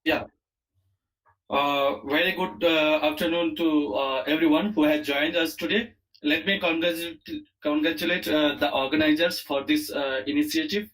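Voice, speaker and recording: A man with an Indian accent giving an online academic lecture as a professor, speaking haltingly with many fillers and repeated words. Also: a little high, fairly even intonation, a bit bright, rough recording. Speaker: university lecturer, chemistry professor.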